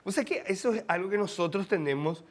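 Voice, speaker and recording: Paraguayan man, high voice, animated storyteller who slips into impressions, TV guest. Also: a little fast. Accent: Paraguayan Spanish. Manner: animated, laughing, mimics voices. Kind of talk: casual storytelling.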